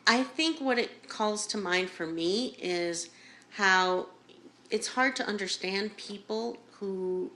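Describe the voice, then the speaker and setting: A woman's voice: medium pitch, pushed and bright. A woman co-hosting a podcast in casual chat, joking and slangy. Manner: jokey, slangy, drawn-out delivery. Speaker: podcast co-host.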